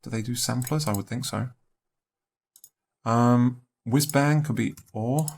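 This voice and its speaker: A young man thinking aloud in a let's play, musing and unhurried, trailing off into half-spoken guesses. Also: mid-range voice, gravelly, a little mellow. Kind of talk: thinking-aloud puzzle commentary.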